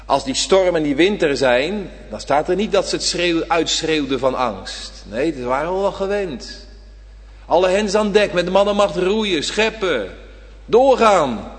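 High, lively preacher in a reverberant church. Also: male voice, a little slow. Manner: dramatic, swings from loud emphasis to near-whisper; rhetorical questions to the congregation. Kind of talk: sermon.

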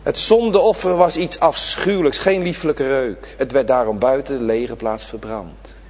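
Husky-voiced Dutch preacher in echoing church. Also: male voice. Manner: swings from loud, drawn-out emphasis to quiet, low asides. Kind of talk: sermon.

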